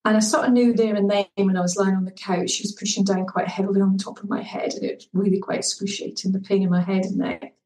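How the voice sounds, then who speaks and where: A woman's voice: mid-range voice, level tone, fast, few pauses, mellow, far from the mic. A Scottish woman in her thirties, a well-being coach talking earnestly and reflectively as a podcast guest. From Scotland. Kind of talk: podcast interview. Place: home in Turkey, remote call. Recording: echoey room, off-mic, faint music.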